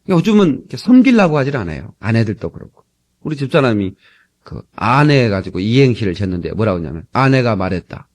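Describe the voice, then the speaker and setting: On an old cassette recording, a pastor from Korea gives a spirited, joking sermon full of asides to his listeners in the pews. He speaks quickly at a medium pitch.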